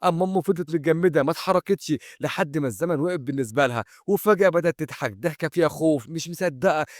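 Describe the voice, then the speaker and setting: A young man with an Egyptian Arabic accent narrating an anime recap in a brisk storytelling manner, talking straight to his viewers. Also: fairly high pitch, dry recording, clean studio sound.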